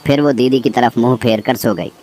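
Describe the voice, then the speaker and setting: This horror-story narrator reads from a script in a mid-range voice that is steady and dark-toned, moving along briskly. A clear background of insect and bird sounds accompanies him.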